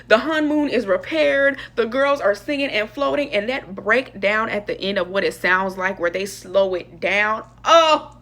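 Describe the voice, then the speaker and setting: A young woman talks through a movie review in a loose, slangy vlog style. She is expressive and chatty, and her voice jumps up and down as she gets into it. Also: moderate pace, few pauses. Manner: chatty, expressive, slangy, lively pitch swings.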